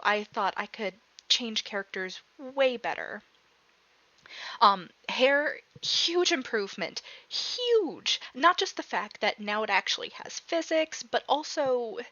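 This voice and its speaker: A woman streamer chatting casually while she plays, excitable and apologetic, with a slightly hoarse voice. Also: on the high side, no room sound, lo-fi sound. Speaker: let's play streamer. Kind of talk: casual gameplay commentary. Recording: voice over game music.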